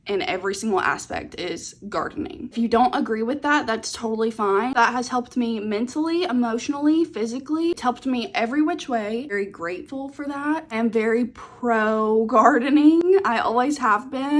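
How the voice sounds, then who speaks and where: A woman's voice: fairly high pitch, normal speed, few pauses. A woman in her twenties talking candidly in a personal phone vlog, crying at moments as she shares her struggles. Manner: candid, emotional, tearful at times. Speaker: content creator. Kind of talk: personal get-ready-with-me vlog.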